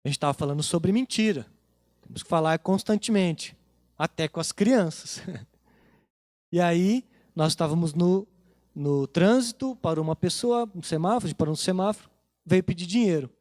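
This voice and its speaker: Preaching in church with a Brazilian accent, this pastor has a rather high, a little mellow voice, an expressive delivery and a moderate pace. His sermon unfolds as a casual story recounting family conversations, recorded close and dry with almost no echo.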